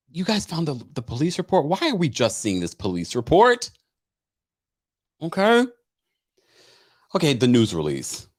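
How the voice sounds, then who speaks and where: A man hosting a recap show, talking casually and gossipily to viewers, theatrical and emphatic, repeating phrases for effect. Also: low voice. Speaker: host of reality TV recap show.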